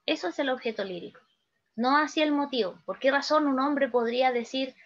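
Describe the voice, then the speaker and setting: A woman's voice: high voice, a little fast. A woman teacher with a Chilean accent explains poetry terms and keeps checking that her class follows along. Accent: Chilean Spanish. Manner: checks in often with "¿ya?" and "¿se fijan?". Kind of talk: spoken literature lesson. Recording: dull lo-fi sound.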